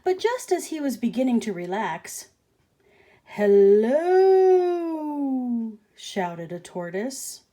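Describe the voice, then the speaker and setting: Gentle, slow-reading woman storyteller. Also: mid-range voice, very animated. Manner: gentle, slips into whispered asides. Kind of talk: picture book read-aloud. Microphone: webcam or phone video.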